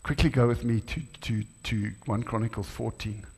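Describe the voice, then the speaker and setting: A middle-aged male preacher delivers an animated sermon, acting out dialogue and rising to exclamations. His voice sits at an ordinary pitch. The sound carries a long church-hall reverb. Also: moderate pace, breathy edge. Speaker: guest preacher.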